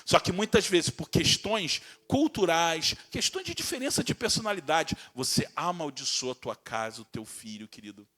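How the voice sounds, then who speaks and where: A male pastor preaches in a high, bright, forceful voice. He keeps firing rhetorical questions at the congregation, acts out harsh quoted remarks, and drags words out as his volume swells and drops. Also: very animated, moderate pace, few pauses. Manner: stretches words with swings in loudness. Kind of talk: sermon.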